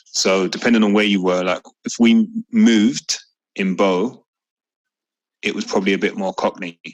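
Low-voiced man, easygoing storyteller. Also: normal speed, rough recording. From East London. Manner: relaxed storytelling, jokey asides. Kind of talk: casual family chat.

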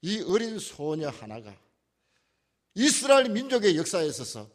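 Man preaching, Gyeongsang accent, high voice, animated delivery, asks the congregation questions. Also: moderate pace. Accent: Gyeongsang dialect. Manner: conversational, asks the audience questions. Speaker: pastor. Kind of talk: sermon.

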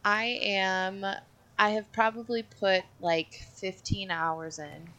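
A woman co-hosting a podcast, relaxed and chatty about the games she plays. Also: medium pitch. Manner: relaxed and chatty, quick to agree. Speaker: podcast co-host. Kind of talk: casual podcast chat.

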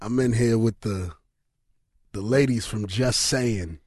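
A man's voice: lowish voice, takes it slowly, darkish tone, slightly rough, no room sound. A man hosting a podcast in casual chat, talking in a crude, slangy, teasing way. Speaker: podcast host.

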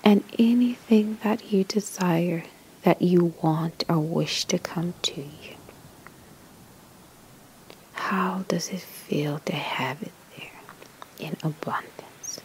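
Soft and whispery like a spa voice, a woman on the low side leads a guided meditation, soothing and measured, with pauses between short phrases. The rough recording has a little hiss or hum.

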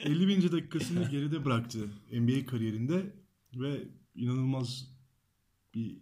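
A man's voice: mid-range voice, mellow. A man hosting a podcast in a casual, joking chat with co-hosts. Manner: quick, playful, joking. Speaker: podcast host.

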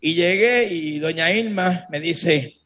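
A man giving a religious testimony to a congregation, telling his story in a lively way and speaking straight to his listeners. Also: fairly high pitch, slow pace, slight background noise.

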